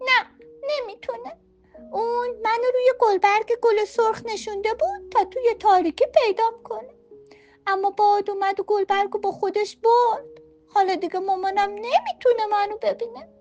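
A woman voicing a tiny lost baby ant that squeaks and wails tearfully. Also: steady tone, a little mellow, highs cut off, soft background music. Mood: sad. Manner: squeaky, tearful, drawn-out wailing.

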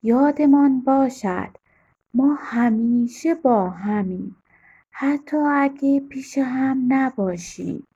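A woman voicing a calm, loving mother who reassures her children in a soothing way. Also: high voice, husky, highs cut off.

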